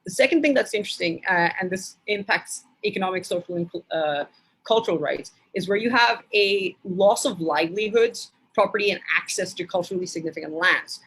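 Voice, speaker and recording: A woman from Bangladesh giving an academic lecture in a measured way, with frequent hesitation fillers. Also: mid-range voice, fairly bright tone, slightly rough, low-quality recording.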